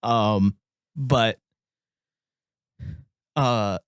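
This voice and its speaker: A man's voice: on the low side, drawn-out words, clean tone, no room sound, clean studio sound. A man co-hosting a podcast, chatting casually about a film, laughing often and acting out lines. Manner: laughs often, acts out lines in put-on voices. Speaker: podcast co-host.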